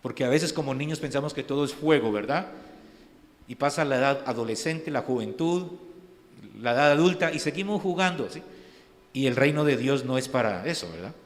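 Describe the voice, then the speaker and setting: A man's voice: mid-range voice, expressive, brisk, long reverb tail. A man preaching as a pastor, talking conversationally and asking his listeners frequent rhetorical questions. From Colombia. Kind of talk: sermon. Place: church sanctuary.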